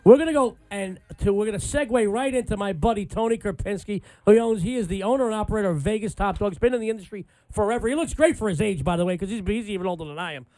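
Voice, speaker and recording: A man's voice: high voice, fast talker, hardly any pauses, warm tone, poor audio. A man hosting an AM sports talk radio show in a punchy announcer style with repeated catchphrases.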